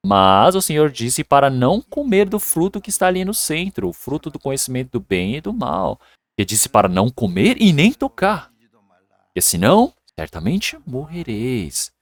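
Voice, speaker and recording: A man's voice: mid-range voice, big pitch swings, moderate pace, dry recording, close to an everyday voice. A pastor voicing Eve as a young woman who coaxes and then tearfully pleads with her husband. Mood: earnest. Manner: wheedling, then crying and pleading.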